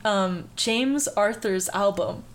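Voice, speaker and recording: A woman's voice: mid-range voice, takes it slowly. A young woman co-hosting a podcast, chatting casually and telling a story with lots of fillers and laughter. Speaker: podcast co-host. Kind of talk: casual chat. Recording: faint background noise.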